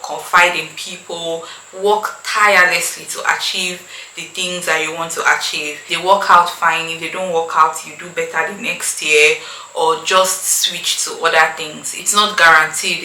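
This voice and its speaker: This is a low, sharp-toned female voice with a Nigerian accent: an opinionated YouTube host chatting casually but emphatically to her viewers on camera. Faint background noise and room echo are audible.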